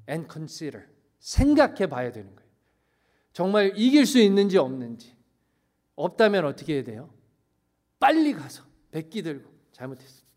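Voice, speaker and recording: A middle-aged male pastor preaching a sermon with emphatic delivery, swinging between loud declarations and hushed phrases and slipping in English phrases. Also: high-pitched.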